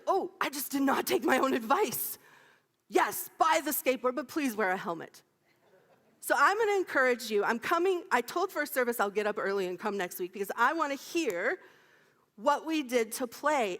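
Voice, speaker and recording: A woman minister in her fifties preaches with a high, lively voice that swoops up and down. She is playful and quick to laugh, throwing questions out to the congregation. Her words ring out with a long reverb through a large sanctuary. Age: 50s. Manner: animated and playful, laughing often, calling out to the congregation. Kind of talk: sermon. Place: church sanctuary.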